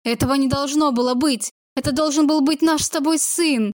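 Woman reading as furious young guy, bitter and accusing, high-pitched, dry audiobook sound. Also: a little fast, a little mellow, dry recording, natural voice. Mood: angry. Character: furious betrayed young man, boyfriend.

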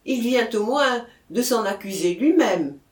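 A reader doing a gentle, worried village mayor. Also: medium pitch, expressive, a little slow, pitched above the performer's own voice, natural voice. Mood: coaxing. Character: kindly, worried village mayor, older man. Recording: roomy echo.

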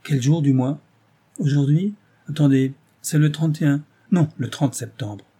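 A man's voice: medium pitch, a little fast, warm tone, husky, lightly acted. A man reading the part of a good-natured, naive young man who talks eagerly and guilelessly.

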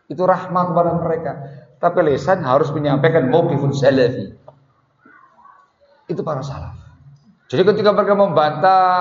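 A man giving a religious lecture, telling a story and often repeating words and Arabic phrases for emphasis. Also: a little high. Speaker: Islamic preacher. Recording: muffled echoey hall recording.

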